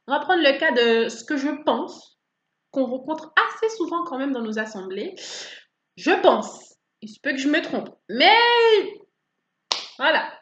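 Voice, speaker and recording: A woman preaching a sermon in an animated way, asking rhetorical questions and acting out people's attitudes. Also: high voice, unhurried. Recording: roomy, slightly dull recording.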